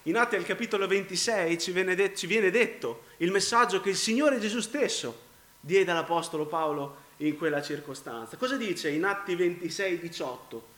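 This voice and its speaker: A congested man preaching a sermon, clearing his throat now and then. His voice sits high and sounds bright and forceful as it rings around an echoey room. He hammers phrases by repeating them, then drops low and quiet. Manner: dramatic swings from loud emphasis to low near-whispers, repeating phrases.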